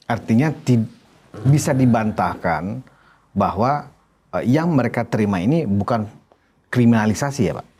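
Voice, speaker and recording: A man hosting a talk-show interview. He puts leading, agreeing questions to his guest in an easy, soft-spoken way. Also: medium pitch, expressive, moderate pace, long pauses, a little hiss or hum. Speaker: host.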